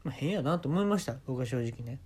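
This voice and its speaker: Kansai guy doing a solo funny story talk, deadpan but jumps around in pitch, mid voice. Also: quick pace, husky. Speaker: podcast host. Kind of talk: comic storytelling monologue.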